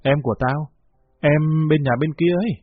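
A cocky young man who teases his friend and brags about girls, as a husky-voiced male narrator puts him on. The voice stays close to the reader's own and sounds muffled and dry. It comes from a read-aloud storybook. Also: on the high side, steady tone, brisk, no room sound. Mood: teasing. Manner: boastful, mock-wise teasing.

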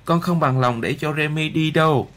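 A man voicing a young sickly boy who pleads in high, tearful cries, in an audiobook. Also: moderate pace, a bit bright, natural voice. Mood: pleading.

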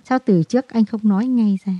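A woman's voice: medium pitch, a little fast, no room sound, lo-fi sound, pitched above the performer's own voice, natural voice. Woman reading as a grieving tearful wife.

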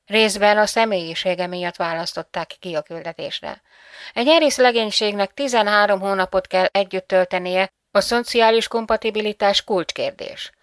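A woman's voice: medium pitch, no room sound, clean studio sound, natural voice. A woman voicing a grave composed female psychologist. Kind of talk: audiobook reading.

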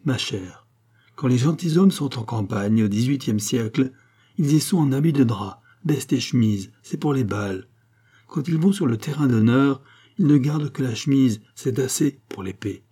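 A man reading aloud, voicing a calm, dignified king speaking gently to his wife. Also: medium pitch, moderate pace, slightly rough, voice pushed up. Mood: composed. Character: calm noble king, middle-aged man.

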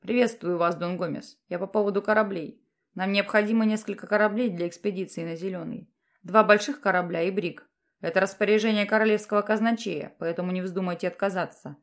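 A woman reading an audiobook, voicing a male noble commander who talks in a soft, low voice and turns firm when he gives orders. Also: fairly even intonation, brisk, lightly acted. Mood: stern. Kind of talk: audiobook character voice.

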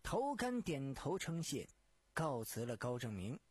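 A man narrating a serialized detective story for radio in an expressive, drawn-out storyteller manner with sighs, recorded in a dry, close studio. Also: medium pitch, husky, dry recording.

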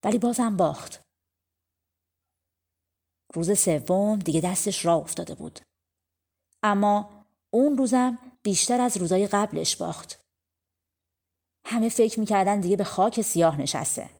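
A woman narrates a folk tale audiobook in a medium-pitched voice. Her telling is casual and colloquial, like a story shared aloud rather than recited. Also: vocal fry, pauses often, darkish tone.

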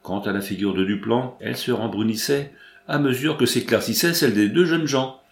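Brief: male audiobook narrator, measured classic-novel reading, roomy recording. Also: medium pitch, creaky.

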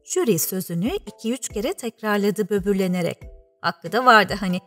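A woman narrating an audiobook in a measured storytelling manner. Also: medium pitch, a bit bright, faint music behind. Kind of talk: scripted narration.

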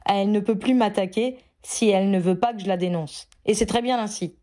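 A woman reading a storybook, voicing a calm, measured young man. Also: medium pitch, lightly acted.

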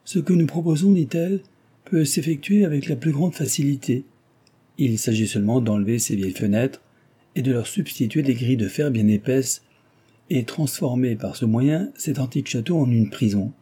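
A man's voice: mid-range voice, normal speed, dark tone, husky, voice pushed up, natural voice. A man reading an audiobook, voicing a scheming, mischievous aristocratic lady in a raised, teasing voice. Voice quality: teasing, sly. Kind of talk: audiobook character voice.

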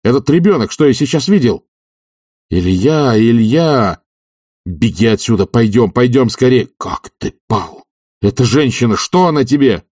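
A man voicing an urgent, forceful friend. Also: mid-range voice, lively intonation, a little slow, breathy edge, no room sound, clean studio sound, voice pushed up. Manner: urgent and insistent. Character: energetic, forceful loyal friend, a man in his prime. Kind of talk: audiobook reading.

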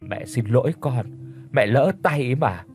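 A man voicing a frail, timid old mother in an audiobook, speaking softly and pleading. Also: medium pitch, animated, moderate pace, faint music behind, close to an everyday voice. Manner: soft, trembling, pleading.

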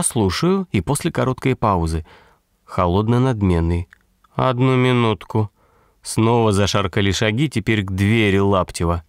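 A man's voice: medium pitch, clear, resonant tone, dry recording, clean studio sound. A man reading a story aloud as an audiobook narrator, with a wry, ironic delivery. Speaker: audiobook reader.

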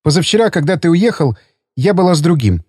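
A man voicing a young married woman in an audiobook, speaking in a sharp, hissing and cold way. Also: a little high, big pitch swings, fairly quick, breathy edge, no echo, clean studio sound. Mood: cold, angry. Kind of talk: audiobook character reading.

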